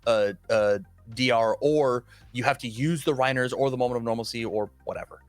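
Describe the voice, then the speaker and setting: A man's voice: medium pitch, a little fast, no echo, soft background music. A man co-commentating a card game tournament live, talking casually and eagerly, often restarting his sentences. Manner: casual, eager, stumbles and restarts when excited.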